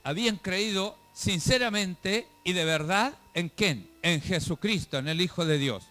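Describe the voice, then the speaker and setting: A man's voice: high voice, expressive, unhurried, sharp tone. A male pastor giving a fervent sermon to a congregation, calling them brother and throwing out rhetorical questions. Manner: fervent preaching, calls listeners "hermano", rhetorical questions. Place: church service, filmed for a web show.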